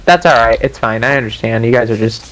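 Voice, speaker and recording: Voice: mid-range voice, fast, a bit bright. A player chatting casually with friends during a game. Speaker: player in a group gaming video. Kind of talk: casual gaming chat.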